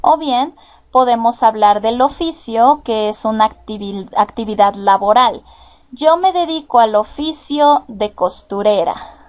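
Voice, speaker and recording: A woman with a Mexican accent giving a slow, careful lesson, patiently repeating each example sentence. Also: a little high, animated. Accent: Mexican Spanish. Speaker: teacher. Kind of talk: slow, careful classroom explanation.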